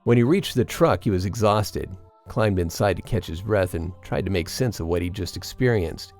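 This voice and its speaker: Low-voiced man narrating a creepy tale. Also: a little mellow, soft background music. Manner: measured, suspenseful storytelling. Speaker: storyteller narrator. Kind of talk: scripted narration of a true eerie story.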